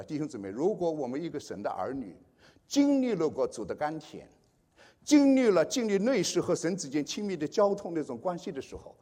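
A man preaching a testimony sermon, telling a story and acting out the dialogue with big swings in pitch and loudness.

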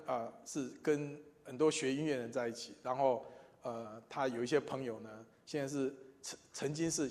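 A man, preaching and telling his own testimony, moving between loud emphatic lines and quiet asides. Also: medium pitch. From Taiwan. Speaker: church speaker. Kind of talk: sermon with personal testimony. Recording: long reverb in a large hall.

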